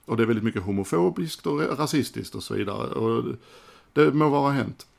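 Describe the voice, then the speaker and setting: A man's voice: medium pitch, lively intonation, gravelly. A man giving casual, frank commentary as a music collector, swearing casually as he talks through old footage.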